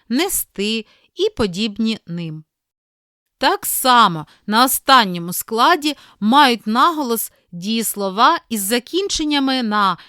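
A woman teacher reading a scripted lesson, clear and deliberate, slowing down to spell out example words. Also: a little high, a bit bright, no room sound, studio quality.

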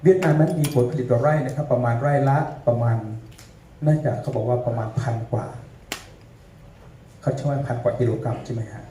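A man's voice: medium pitch, fairly quick, mellow. A man moderating a live panel, chatting and teasing the audience between introductions. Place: event hall with an audience. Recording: echoey hall, distant mic, faint room noise.

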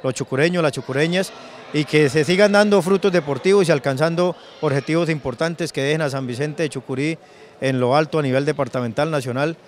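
A man's voice: on the high side, brisk. A man giving a proud, formal statement outdoors.

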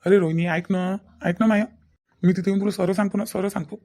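A woman's voice: mid-range voice, fairly even intonation, quick pace, mellow, natural voice. A woman voicing an evasive young man with a Vidarbha Marathi accent, pleading on the phone and promising to explain everything later. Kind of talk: cartoon voice acting.

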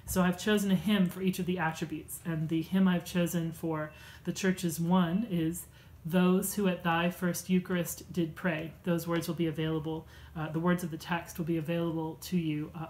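A woman's voice: fairly low pitch, flat delivery, darkish tone, low-quality recording. Woman reading a church lesson. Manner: measured, earnest delivery with occasional fillers. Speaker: church class teacher. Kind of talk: reading prepared lesson notes. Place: home room with bookshelves.

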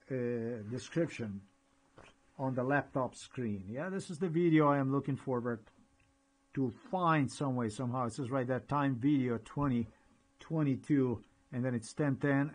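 A man excitedly narrating a screen recording, describing each click in a rambling way. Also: medium pitch, poor audio. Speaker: vlogger.

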